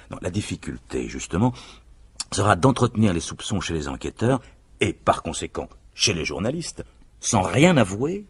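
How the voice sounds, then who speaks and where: An actor gives a full character voice to a self-assured, conniving husband in a vintage French radio mystery. He speaks persuasively and emphatically, his husky male voice sitting low.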